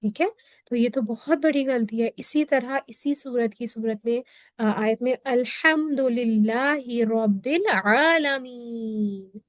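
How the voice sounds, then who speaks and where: A woman gives an online recitation lesson in a fairly high voice. She explains each step patiently, keeps checking that the listener follows, and stretches out letter sounds slowly to demonstrate them. The close, dry recording has no room sound. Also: mellow, no echo. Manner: explains patiently, checks in with "theek hai?" after each point; demonstrates letter sounds in slow drawn-out syllables. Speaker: Quran recitation teacher.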